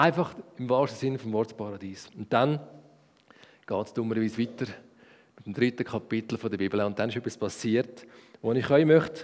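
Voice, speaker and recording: A man with a Swiss German accent telling a Bible story to children, lively and asking them questions. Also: medium pitch, in a large hall.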